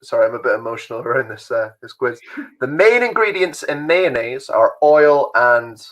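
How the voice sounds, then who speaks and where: A man's voice: medium pitch, lively intonation, moderate pace, a bit bright, poor audio. A young man hosting an online youth quiz from home, chatty and rambling, laughing often. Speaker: youth group host.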